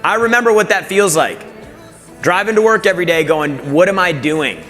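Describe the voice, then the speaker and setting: A man's voice: high-pitched, fairly quick, a bit bright. A man hosting an onstage interview who talks with a lot of energy and hypes up the audience. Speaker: event host. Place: large event hall. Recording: hall reverb with faint music.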